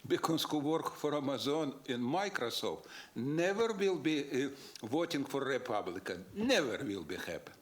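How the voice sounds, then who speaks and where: A man's voice: mid-range voice, very animated, moderate pace. A man gives a combative public comment in broken, English, throwing out rhetorical questions. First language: not English. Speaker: public commenter at a council meeting.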